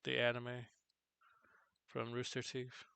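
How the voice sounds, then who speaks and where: A tired man teaching on a live tutorial stream, halting and correcting himself as he goes. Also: completely flat delivery, creaky, bright, forceful tone, clear, resonant tone, no echo. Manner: halting, self-correcting, low-energy. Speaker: streamer teaching 3D character software.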